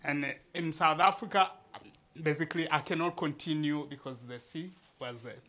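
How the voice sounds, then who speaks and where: This man, a charity founder from eastern Democratic Republic of Congo, speaks earnestly to a live event crowd with frequent laughter and restarted phrases. His voice is a little high, bright and forceful, at a moderate pace.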